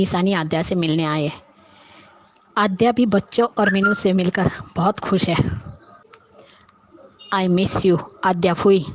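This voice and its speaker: A woman's voice: on the low side, rough recording. A woman recapping a TV serial episode as a viewer, outspoken and scolding the characters as she goes. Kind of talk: casual episode recap and commentary.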